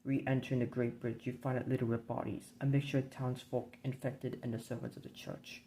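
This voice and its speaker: Man reading grim game narration flatly. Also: medium pitch, a little hiss or hum, low-quality recording. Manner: measured, grim storybook reading. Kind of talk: scripted narration of a board game campaign.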